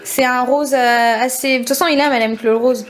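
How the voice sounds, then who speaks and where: A young woman with a regional French accent, vlogging casually into a handheld camera, chatty and quick to laugh. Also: high-pitched, steady tone. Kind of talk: casual vlog chat.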